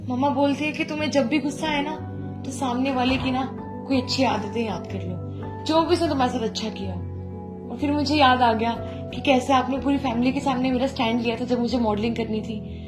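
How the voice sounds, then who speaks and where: A high-voiced young woman, as an actress plays her in a web drama, coaxing and apologetic, chattering on to her sister-in-law. Clear background score music plays behind her. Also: natural voice. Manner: pleading, chatty, wheedling.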